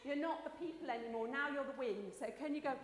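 A woman's voice: sits high, fast, background noise. A woman leading an interactive Bible story, directing listeners to act out the scenes. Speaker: children's Bible story leader. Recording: echoey hall with long reverb.

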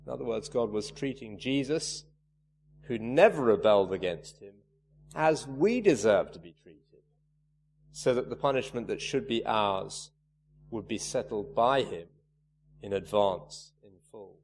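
A man's voice: mid-range voice, expressive, unhurried, darkish tone. A man preaching a sermon, earnest and emphatic, leaning hard on key words. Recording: reverberant hall, faint hum.

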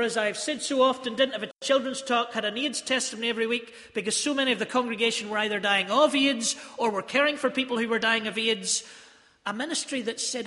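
High, bright-voiced man preaching in echoing hall. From South Africa. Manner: earnest, storytelling, emphatic phrasing. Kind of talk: sermon. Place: church.

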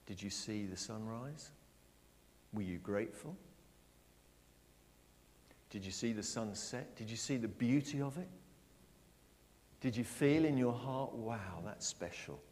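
A middle-aged man preaching a sermon, asking his congregation questions and stressing his words slowly. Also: medium pitch, slight background noise. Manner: lively, questioning the congregation, slow emphatic phrasing. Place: church. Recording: long church reverb.

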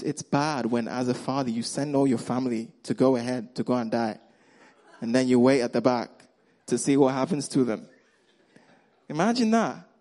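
Preaching with a Nigerian accent, a man in a mid-range voice brings Bible characters to life by voicing their lines. His sermon shifts between booming emphasis and soft, hushed passages, told in a lively storytelling style.

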